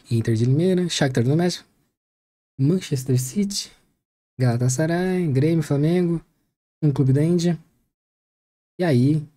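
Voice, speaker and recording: Dark-voiced joking man reacting. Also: a little high. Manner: jokey, chatty, teasing asides. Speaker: host reacting to a press conference. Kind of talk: casual joking commentary.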